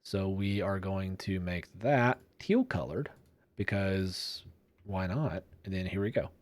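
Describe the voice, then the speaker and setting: A man's voice: sits low, expressive, slow pace, dry recording. A man hosting a casual podcast, joking around and reading news articles aloud with a playful, wry manner. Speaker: podcast host editing his show. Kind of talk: casual podcast chat and editing commentary.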